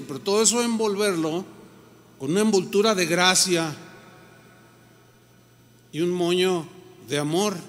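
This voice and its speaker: A man preaches in a fairly high voice, his lively delivery slipping into little acted-out reactions. His sermon rings with a long tail of reverb from a large hall. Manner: animated, acts out quoted reactions. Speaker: pastor.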